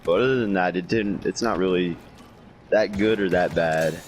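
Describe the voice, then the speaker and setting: Very deep-voiced laid-back man. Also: moderate pace, slight background noise. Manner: laid-back, brief remarks. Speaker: panel guest. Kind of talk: casual group chat.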